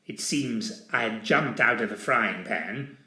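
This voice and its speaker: A man's voice: lowish voice, slow, pushed and bright. A man giving scripted comic narration in a plummy, theatrical upper-class manner. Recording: roomy echo.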